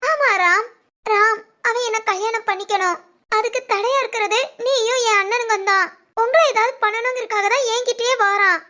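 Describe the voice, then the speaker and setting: A woman's voice: very high voice, moderate pace, pushed and bright. A woman voicing a frightened young bride-to-be who cries and pleads, repeating her partner's name, in an amateur family drama. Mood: worried. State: crying.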